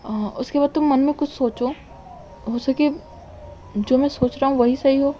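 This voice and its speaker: A woman's voice: high-pitched, fairly even intonation, moderate pace, highs cut off, slight background noise, pitched above the performer's own voice, close to an everyday voice. A woman voicing a bewildered young man who suddenly hears other people's thoughts and struggles to explain.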